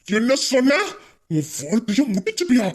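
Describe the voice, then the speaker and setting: A woman's voice: sing-song, moderate pace, darkish tone. Woman voicing a possessive brooding young man. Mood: angry. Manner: intense, lowers voice to menace. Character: possessive young man who calls himself king. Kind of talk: Tamil audio romance drama.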